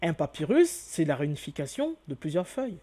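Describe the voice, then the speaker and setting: A man's voice: a little high, very animated, brisk, warm tone. A man hosting an online lesson, talking the viewer through step by step. He repeats key words and exclaims often. He keeps asking the listener questions and answering them himself. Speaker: channel host teaching hieroglyphs. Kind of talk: video lesson.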